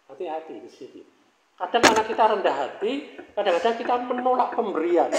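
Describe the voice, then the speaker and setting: High-voiced man preaching in an echoey hall. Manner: conversational preaching with frequent rhetorical questions and asides. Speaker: pastor. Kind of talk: sermon.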